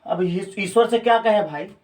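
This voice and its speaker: Heard from a distance off the mic, a man lectures on grammar in a high-pitched, darkish voice at normal speed. He walks through each step and asks his students questions.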